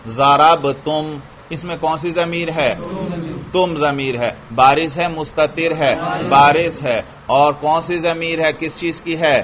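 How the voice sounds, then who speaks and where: A male religious teacher from Pakistan drilling grammar with his class, quizzing students with repeated questions and chanting word forms slowly. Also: a little high, fairly even intonation, highs cut off, a crowd in the background.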